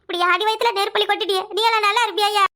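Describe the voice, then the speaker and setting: A woman voicing a fiery, quarrelsome young wife in a cartoon, scolding quickly and repeating her lines. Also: very high-pitched, fairly even intonation, bright, forceful tone. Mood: angry, scolding. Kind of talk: cartoon voice acting.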